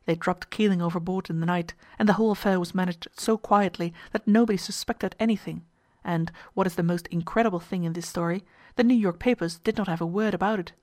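A woman reading a story aloud in scripted narration, in an even, measured way. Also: lowish voice, no room sound, studio quality.

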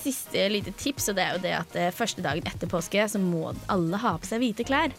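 A young woman presents radio in a casual, conversational style. Her voice sits at a medium pitch, with faint music underneath her in the studio. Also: lively intonation. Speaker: radio host.

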